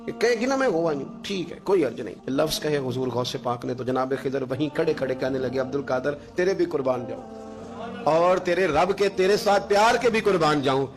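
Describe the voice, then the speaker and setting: Male preacher, high voice, swings soft to loud, music playing underneath. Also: animated, fairly quick. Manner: swings between soft low asides and loud scolding. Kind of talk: emotional sermon storytelling.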